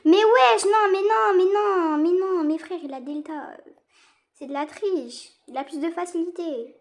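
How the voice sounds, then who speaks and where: A young woman from France giving casual, excitable commentary while she plays a game online, repeating herself and using slang. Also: very high voice, a little slow. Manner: slangy teen talk. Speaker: gaming streamer.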